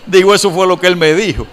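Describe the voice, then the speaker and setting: A middle-aged man, preaching a sermon and telling a personal story in an animated way. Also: sits high, a little hiss or hum. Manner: animated storytelling, voices the characters in his anecdote and laughs as he tells it. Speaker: pastor.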